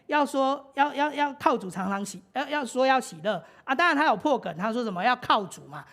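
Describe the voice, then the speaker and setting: A woman's voice: high voice, lively intonation, fairly quick, a bit bright. Chatty Taiwanese woman preaching. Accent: Taiwanese Mandarin. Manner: chatty, laughs often, many fillers. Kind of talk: sermon. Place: church.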